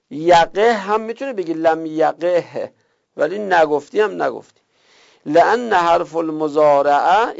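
Gravelly-voiced man teaching grammar, lo-fi. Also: high voice. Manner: reads Arabic text aloud then explains it in colloquial Persian. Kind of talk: seminary-style grammar lesson. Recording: dull lo-fi recording.

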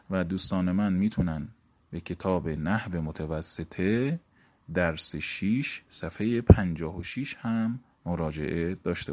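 A man teaching a lesson, explaining grammar step by step and reciting verb forms aloud in a steady drill. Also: low voice. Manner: explains step by step, gives book page references. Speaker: teacher of Arabic morphology. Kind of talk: recorded seminary lesson.

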